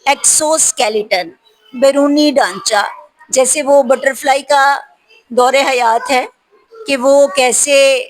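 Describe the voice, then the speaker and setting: A woman with a high voice runs a spelling practice lesson. She says each word slowly and clearly, then gives a short explanation with examples. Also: fairly even intonation, faint music behind, rough recording. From Pakistan. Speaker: teacher.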